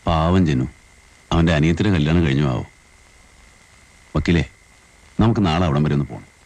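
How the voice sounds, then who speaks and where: A deep, low-voiced lodger who speaks softly and calmly. His lines are quiet and unhurried. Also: a little hiss or hum, poor audio. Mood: wistful. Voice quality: low, soft and calm. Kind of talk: 1980s film acting.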